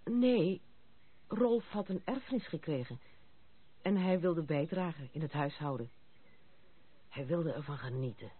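Speaking low, unhurried, and slightly rough, with frequent pauses, a woman plays a bitter, proud, outspoken young noblewoman in a Dutch radio play. Her tone is confiding. It comes through a muffled, noisy, narrow-band old radio recording.

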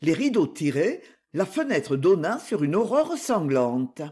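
A reader narrating a literary story as an audiobook, slow and expressive. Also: medium pitch, breathy edge.

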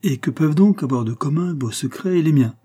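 A man's voice: a little high, lively intonation, brisk, dark tone, breathy edge, voice pushed up. A man reading the part of a wary, curious young Spanish noblewoman in a storybook. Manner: guarded, doubting.

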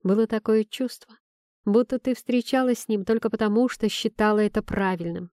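A woman voicing a gentle middle-aged father who speaks softly and quietly to his daughter. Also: medium pitch, fairly quick, no echo, clean studio sound, lightly acted.

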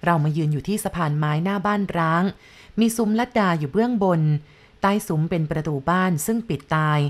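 Woman, storyteller, calm measured narration, slightly low voice.

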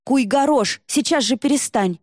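Чтица за вежливую девушку, заблудившуюся, тон искренний, запись сухая. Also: female voice, mid-range voice, animated, moderate pace, darkish tone, no echo, studio quality, lightly acted. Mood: earnest polite. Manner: polite, earnest. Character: polite, earnest young woman lost far from home.

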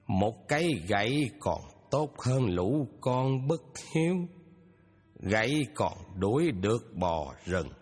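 An actor playing the Buddha as a calm, wise teacher who speaks in a measured way. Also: male voice, medium pitch, husky, exaggerated voice. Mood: reciting. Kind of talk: audio drama acting. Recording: reverberant hall, music behind.

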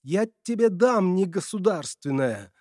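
A fierce middle-aged mother from a storybook, her voice pitched up and shrill as she scolds. A man puts her on with a dry, close sound and a warm base tone. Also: animated, slow pace, dry recording. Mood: furious.

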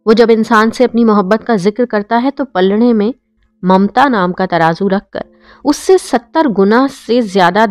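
A woman narrating a novel in a steady, emotive storytelling voice. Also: medium pitch, no room sound. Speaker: audiobook narrator.

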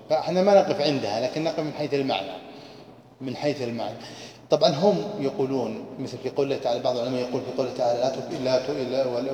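A man's voice: medium pitch, warm tone, slight background noise. Man teaching in an echoey hall. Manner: explanatory, drawn-out recitation of verses, asks students questions. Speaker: Quran teacher. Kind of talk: classroom Quran tafsir lesson. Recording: echoey hall, distant mic.

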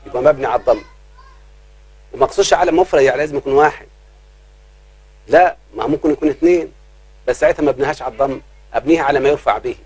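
A man with an Egyptian accent teaching grammar in a live class, checking often whether students follow and drawing out his examples slowly. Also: mid-range voice, darkish tone, slightly rough, no echo, rough recording. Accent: Egyptian Arabic. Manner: keeps quizzing students, slows down to drawl examples.

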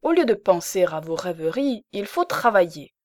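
A woman's voice: fairly low pitch, very animated, normal speed, a little mellow, dry recording, studio quality. A woman voicing a fierce, domineering old peasant spinster in an audiobook, with vehement, scolding delivery. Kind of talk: audiobook character reading.

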